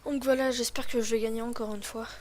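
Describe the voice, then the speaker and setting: A woman's voice: on the high side, fairly even intonation, fast talker, a little mellow. A woman with a lisp on her s sounds, rambling and thinking aloud in casual commentary as she hosts a gaming video.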